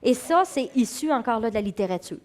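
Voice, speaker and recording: A middle-aged woman with a Québécois accent delivers a talk on action and motivation in a high, bright voice. Her pitch swoops widely as she teases the audience and mimics their excuses. The delivery is expressive and conversational. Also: quick pace. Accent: Québécois French. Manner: animated, acts out inner voices, laughs with the audience. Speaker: psychologist and speaker giving a talk. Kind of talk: lively lecture to an audience.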